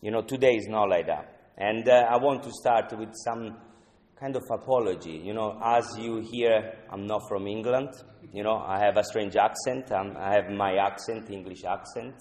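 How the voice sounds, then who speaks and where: An Italian man with an Italian accent shares his story at a twelve-step recovery meeting, speaking earnest, halting English filled with "you know." His voice is fairly low and a little mellow. He's off-mic in an echoey meeting hall.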